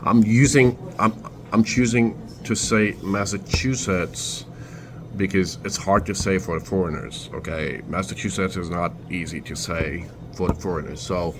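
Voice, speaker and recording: Facing the camera, a young vlogger from Turkey recounts a casual story in a deep, low, Turkish-accented voice. He stops, restarts, and corrects himself often while searching for words, and constant background noise runs beneath him.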